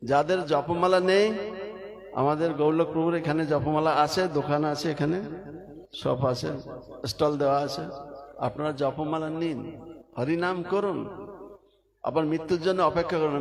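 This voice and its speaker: A man preaches a devotional sermon, with a voice a little higher than most men's. He tells stories to the gathering and leads them in chanting. The clear murmur of a crowd sits behind him.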